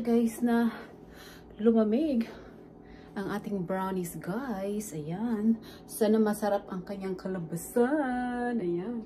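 In a small home kitchen, a middle-aged Filipino-accented woman bakes and chats informally with viewers, code-switching between Tagalog and English as a home baking vlogger. Her pitch is fairly high and her voice a little mellow. The audio comes from a phone propped nearby or held at arm's length and is clearly noisy.

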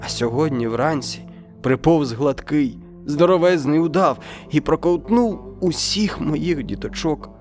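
A man's voice: on the high side, measured pace, darkish tone, soft background music, pitched above the performer's own voice, lightly acted. A man voicing a gloomy, grieving old male parrot in a storybook reading. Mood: mournful. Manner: mournful, gloomy.

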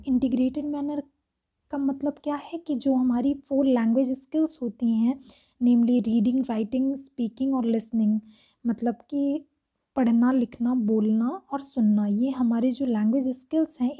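A woman teacher, reading exam questions aloud slowly and explaining each answer step by step. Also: fairly high pitch, warm tone, breathy edge, muffled recording. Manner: slow, reads English questions aloud word by word then explains in Hindi. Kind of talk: exam-prep lesson.

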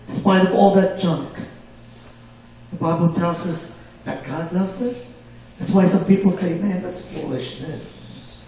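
Male preacher, high voice, call-and-response delivery, booming church echo, distant mic. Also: warm tone. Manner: call-and-response, asks for amens. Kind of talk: sermon. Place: church hall. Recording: very echoey hall, mic far off.

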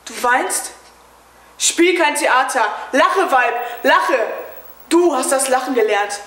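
A woman's voice: high voice, expressive, slow pace, fairly bright tone, exaggerated voice. A woman playing a bitter, war-maimed husband, declaiming with brooding scorn on a stage. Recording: roomy hall echo.

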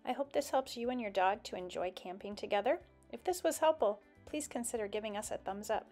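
A woman's voice: medium pitch, a little fast, darkish tone, faint music behind. A woman narrating a step-by-step build tutorial in a plain, explanatory voice-over.

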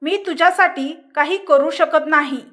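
A woman reading the lines of a steady, direct young nurse in a storybook reading. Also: high voice, normal speed. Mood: firm.

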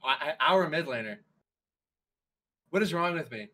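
A man's voice: fairly high pitch, animated, moderate pace, bright, forceful tone, rough recording. A man casting a college esports match live, talking energetically and rambling with lots of fillers. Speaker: esports caster.

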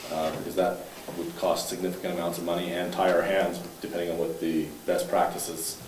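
Low-voiced male councillor, halting and plain-spoken; distant, echoey room mic. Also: level tone, noisy background. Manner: halting, with restarts and fillers, matter-of-fact. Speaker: town councillor. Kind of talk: reporting at a council meeting. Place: council chamber, indoors. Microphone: far room mic.

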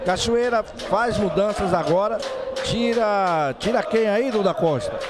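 A man's voice: sits high, unhurried, noisy background. A man with a Bahian accent analysing a live football match. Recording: loud percussion music behind the voice.

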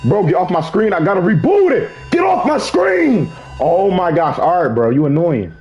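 A young man streaming horror games with scared, excitable, slangy reactions and yelling at jumpscares. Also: fairly high pitch, fairly quick, dull audio, faint music behind. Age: young adult. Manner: casual slangy speech. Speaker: gaming streamer. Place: small indoor gaming room.

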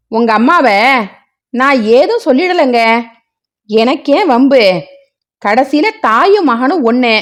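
Casting: a wailing, bitter middle-aged wife, slow and lively in pitch, read by a woman storyteller. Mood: reproachful. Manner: wailing, reproachful.

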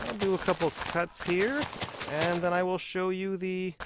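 A man with a slightly high voice hosts a Let's Play, with background noise audible. Chatty and self-mocking, he talks to himself while playing in casual gameplay commentary.

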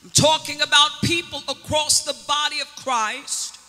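The preacher is a woman with a high voice, a sharp tone and fairly even intonation, acting as a prophetess before her congregation. Key words are stretched out dramatically and the congregation is called on to answer, all within a church sanctuary's long reverberant hall.

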